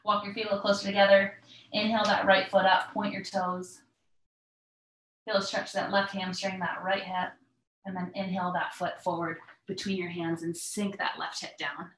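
A woman instructor guiding a stretching class with breathing cues in a calm, measured, step-by-step manner. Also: medium pitch, slight background noise. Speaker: yoga and mobility instructor. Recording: echoey, roomy sound.

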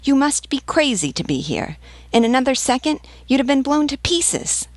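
A woman reading an audiobook voices a bold female camp follower who scolds sharply, in a loud, high voice. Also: little pitch movement, quick pace, no room sound, lightly acted. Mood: scolding.

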